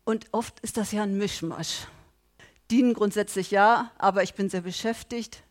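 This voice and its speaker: A middle-aged woman preaching a sermon with passion, moving between loud appeals and quiet, low emphasis. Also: steady tone, normal speed. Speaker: pastor.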